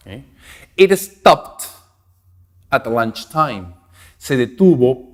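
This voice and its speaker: A man teaching English grammar, at an ordinary middle pitch. He explains step by step and keeps checking in with "ok?". His voice has a long reverb, as if recorded in a hall. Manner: explains slowly, checking with "ok?" after each point.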